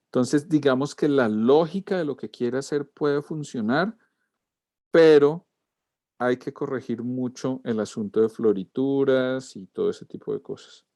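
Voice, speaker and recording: Man giving a calm lettering critique. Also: mid-range voice, unhurried, dry recording, clean studio sound. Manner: talks through corrections step by step, informal. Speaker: lettering teacher. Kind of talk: class critique of student work.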